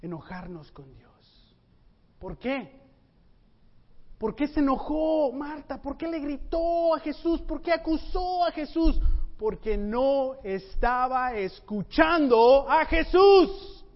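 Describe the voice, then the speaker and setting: A man preaching a sermon as a pastor, animated and full of rhetorical questions for the congregation. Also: very high voice, takes it slowly. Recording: muffled sound with long hall reverb.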